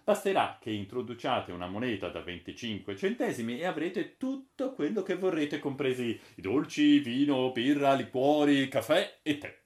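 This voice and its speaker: A man's voice: mid-range voice, very animated, moderate pace, hardly any pauses, a little mellow, pitched above the performer's own voice, close to an everyday voice. A man voicing a confident guide who explains a future world to visitors, assured and explanatory. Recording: roomy echo.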